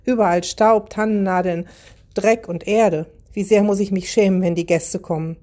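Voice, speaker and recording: A woman's voice: medium pitch, steady tone, normal speed, warm tone, close to an everyday voice. A woman voicing a tired, houseproud owl in a storybook, complaining worriedly about chores. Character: houseproud tired owl who sleeps by day.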